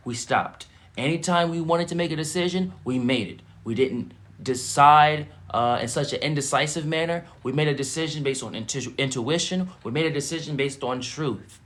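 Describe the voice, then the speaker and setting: Guy preaching on a livestream, kinda high voice, keeps repeating stuff and getting loud and emphatic. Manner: repetitive, emphatic preaching with rising bursts. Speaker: spiritual teacher. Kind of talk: live-streamed spiritual teaching.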